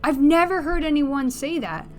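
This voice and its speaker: A woman with a fairly high voice talks into her camera at home in a loose, rambling vlog. She is a little out of breath, piles on fillers and restarts, and swears bluntly. Faint music plays underneath. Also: moderate pace. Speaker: vlogger. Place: bedroom.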